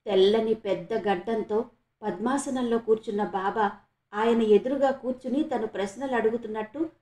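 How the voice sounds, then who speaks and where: A woman from Andhra Pradesh narrating a novel as an audiobook, in a steady, measured storytelling voice. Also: fairly high pitch. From Andhra Pradesh, India. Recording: echoey room.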